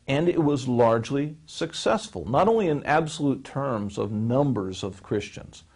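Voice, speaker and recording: A man in his forties gives a measured, explanatory answer on history, like a professor fielding a question. He talks at a middling pitch, pausing on fillers and restarting phrases as he thinks. He is recorded seated in a small studio on a close mic. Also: gravelly, darkish tone. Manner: gestures with his hands while speaking. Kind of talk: lecture-style interview answer. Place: small studio set with a wood-panel backdrop, seated.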